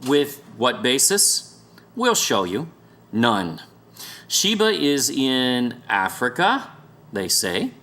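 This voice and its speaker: A documentary series presenter narrates an argumentative explainer over maps, his tone sarcastic, emphatic and conversational. His mid-range voice sounds pushed and bright.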